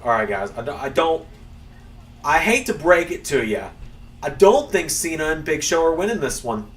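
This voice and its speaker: Streaming a wrestling game live, a young man rambles to his viewers at normal speed, his fairly high voice very animated. He's casual, pokes fun at himself, and swears, and the mic picks him up from a distance.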